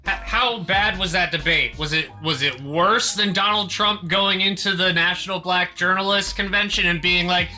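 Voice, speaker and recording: Brief man, podcast co-host, very bright and high, dry quips, faint music behind. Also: steady tone, moderate pace, few pauses. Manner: dry quips and short interjections. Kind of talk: casual podcast banter.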